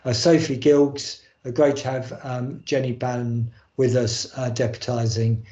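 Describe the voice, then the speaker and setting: A man's voice: medium pitch, level tone, unhurried, warm tone. Guy chairing a meeting on a video call, lots of ums, echoey muffled call sound. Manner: hesitant, many ums and uhs. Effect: heard over a video call. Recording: roomy, dull video call audio.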